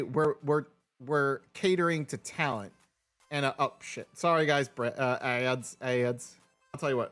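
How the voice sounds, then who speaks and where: A man's voice: fairly high pitch, a bit bright. A man chatting casually on a live stream, rambling with frequent restarts and reading replies to his viewers. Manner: rambling, restarts often, answers chat.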